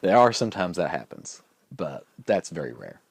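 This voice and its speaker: Brief: male vlogger, very low voice, rambling and good-humored, dry close sound. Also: sing-song, normal speed, vocal fry, breathy edge, dry recording. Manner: rambling, with frequent restarts and fillers. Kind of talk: casual storytelling vlog.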